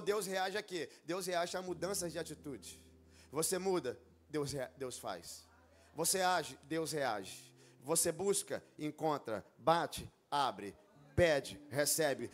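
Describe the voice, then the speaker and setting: A man preaching a sermon as pastor, telling a personal story and rising into loud, fervent exhortation. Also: a little high.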